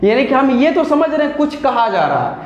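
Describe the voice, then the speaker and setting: A man's voice: very high-pitched, big pitch swings, brisk, roomy sound, lo-fi sound. A man with a Hindi accent, teaching an English grammar lesson patiently, step by step with repeated examples.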